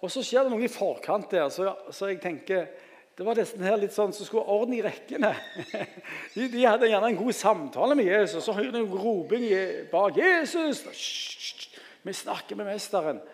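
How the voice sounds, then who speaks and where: A man giving a lively sermon in a church, joking with the congregation and calling out for amens. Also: high-pitched, in a large hall. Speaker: guest preacher.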